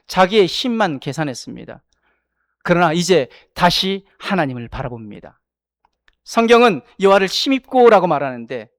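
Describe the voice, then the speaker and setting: A male pastor delivers a sermon in a high-set voice with an animated, swooping pitch. He drives his points with stacked parallel statements and questions to the congregation. The sound is close and dry, with little room echo. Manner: rhetorical preaching with repeated parallel phrases and questions to the congregation. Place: church sanctuary.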